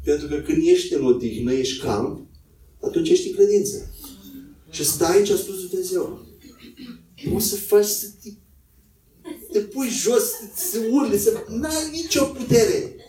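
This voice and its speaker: A man preaching a sermon in a conversational way, acting out quotes in a higher voice. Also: pauses often, mellow. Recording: echoey room, voice from a distance.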